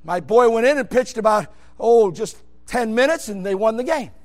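A man preaching an emphatic Baptist sermon, swinging between loud shouted bursts and low, quiet asides. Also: animated, moderate pace. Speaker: pastor.

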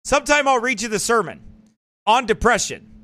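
A man preaching a sermon, talking in an emphatic, folksy way with quick asides to his congregation. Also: very high voice, very animated, sharp tone. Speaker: pastor. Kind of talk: sermon commentary.

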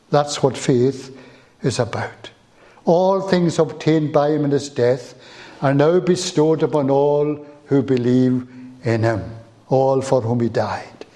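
A man preaching a sermon in a church, slow and emphatic, lifting his voice on key words. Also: on the high side, a little mellow.

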